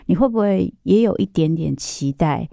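A woman's voice: on the low side, expressive, normal speed, vocal fry, mellow, dry recording, studio quality. A woman hosting an interview talk show, listening attentively and asking reflective questions. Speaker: host.

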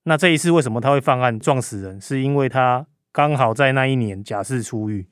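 Man, Taiwanese accent, reporter guest, speaking through a face mask, mid-pitched, conversational recounting, dry recording. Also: a little fast, smooth, no room sound. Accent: Taiwanese Mandarin. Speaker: crime reporter as podcast guest. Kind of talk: conversational recounting of a news case.

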